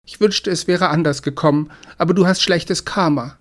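A man reading an audiobook, voicing a tearful young woman with a hoarse voice. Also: fairly high pitch, moderate pace, fairly bright tone, voice pushed up, close to an everyday voice. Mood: sad. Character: tearful young woman sending her partner away. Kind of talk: audiobook character voice.

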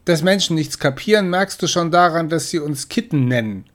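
A man's voice: a little high, lively intonation, moderate pace, pitched above the performer's own voice, close to an everyday voice. A man doing a boastful bully tomcat kitten. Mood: mocking. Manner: boastful, mocking. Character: oldest, strongest male kitten, a bully.

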